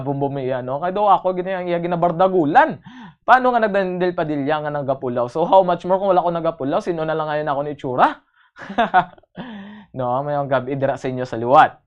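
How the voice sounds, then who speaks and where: A man's voice: on the high side, smooth. A man hosting a radio request show, chatting casually, reading out greetings, stumbling over names and laughing at his own jokes. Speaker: radio host. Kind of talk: casual on-air chat reading listener greetings.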